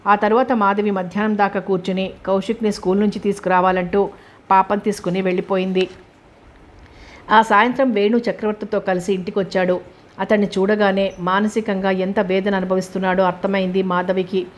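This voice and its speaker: A woman reading a novel aloud as an audiobook narrator. Her voice sits at a middle pitch and stays flat and even, with a steady, scripted delivery. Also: fairly quick.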